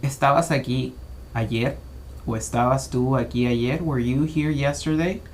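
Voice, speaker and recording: A man's voice: medium pitch, steady tone, slight background noise. Methodical male English teacher. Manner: methodical, slows to spell out English example phrases. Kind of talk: explanatory grammar lesson.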